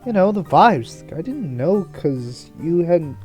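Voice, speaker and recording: A man voicing a brash young man who teases loudly in slang. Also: on the high side, very animated, slow, faint music behind. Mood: teasing. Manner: loud, mocking, slangy.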